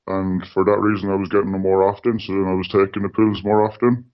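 Disguised by a deepening distortion filter, this anonymous radio interview guest talks at a quick pace in a level, clean tone. He keeps it plain and matter-of-fact, dropping "like" and "you know" frequently, over a dull lo-fi recording.

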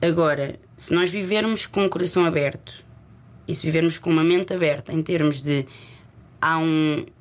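Her voice is low: a woman from Lisbon with the local Portuguese accent, reflective and halting as she talks as a guest in a candid interview, sometimes mixing in English words.

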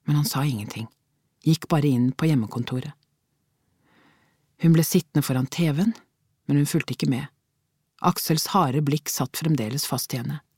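A woman with a Norwegian accent narrating an audiobook in a calm, measured way. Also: deep voice, slightly rough, no room sound, clean studio sound.

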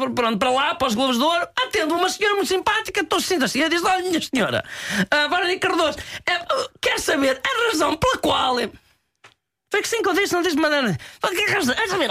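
A man's voice: very high-pitched, pushed and bright, exaggerated voice. A man with a European Portuguese accent voicing an indignant 47-year-old man who thinks he is a model, improvising in a comedy sketch and repeating his complaints. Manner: outraged, whiny, repeats himself.

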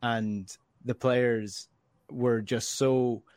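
An Irish man hosting a casual sports talk show, with a medium-pitched voice in a very dry recording. He is earnest and emphatic, building his points and rephrasing as he goes. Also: steady tone, extremely slow, a little mellow, dry recording. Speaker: football podcast host. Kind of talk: casual opinionated discussion.

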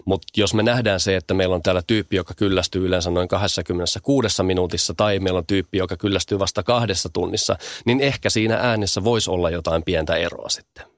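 A man's voice: sits low, hardly any pauses, dry recording, clean studio sound. A man speaking as a guest, explaining how sound affects people in a thoughtful conversational way, often repeating small words as he thinks.

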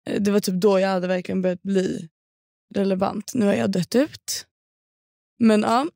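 A young woman from Sweden tells a story in a loose, slangy podcast chat. Her voice has a gravelly fry, recorded dry and close on the mic. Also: medium pitch, fairly even intonation, dark tone, dry recording. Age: young adult. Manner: storytelling, chatty with slang and swearing. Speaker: podcast co-host. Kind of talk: casual chat.

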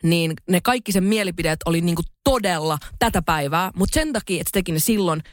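A woman's voice: on the low side, dry recording, clean studio sound. A young woman co-hosting a podcast in casual chat, talking in a loose, chatty way with many fillers and some swearing. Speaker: podcast co-host.

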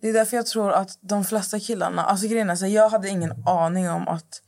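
A woman's voice: medium pitch, steady tone, a little mellow. Chatty woman with many restarts. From Middle East. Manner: rambling, restarts and searches for words. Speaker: guest influencer. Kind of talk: casual podcast chat.

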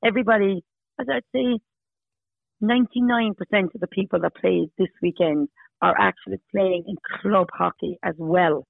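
A woman's voice: mid-range voice, normal speed, gravelly, dry recording. A woman in her fifties with an Irish accent from Munster, chatting emphatically in a casual interview, often repeating herself for stress. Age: 50s. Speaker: podcast guest, Masters hockey player. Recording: tinny phone-like line.

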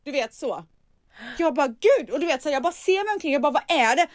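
A young woman chatting casually as a podcast co-host, telling a story with lively acted-out voices and frequent laughter. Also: sits high, dry recording, studio quality. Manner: animated storyteller, acts out voices, laughs often. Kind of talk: casual chat.

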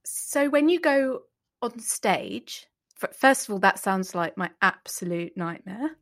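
A woman's voice: mid-range voice, expressive, unhurried. A woman hosting an interview podcast, friendly and playful, laughing along with her guest. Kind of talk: conversational interview.

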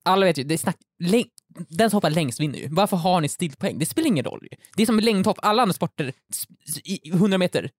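Eager young man with a higher voice. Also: lively intonation, hardly any pauses, no echo, clean studio sound. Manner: laughs often, argues points eagerly. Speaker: podcast co-host. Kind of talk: casual banter podcast.

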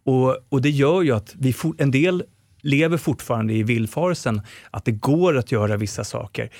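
A man's voice: mid-range voice, gravelly, a little mellow, no echo, studio quality. A middle-aged man co-hosting a podcast, explaining his views at length in a casual chat, firm and full of restarts. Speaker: podcast co-host.

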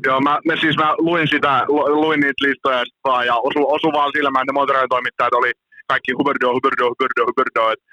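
A man co-hosting a casual sports podcast, giving short replies and relaxed asides. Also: mid-range voice, dry recording, dull audio. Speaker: podcast co-host.

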